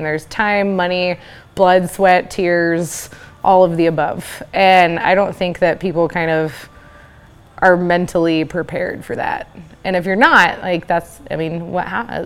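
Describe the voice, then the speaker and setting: A young woman talks through her story as an interview guest in a relaxed, rambling way. She peppers every thought with "like" and "you know" and breaks into easy laughter. Her voice sits a little low for a woman. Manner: chatty, laughs often, many fillers like "like". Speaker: interview guest, business owner. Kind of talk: casual interview talk.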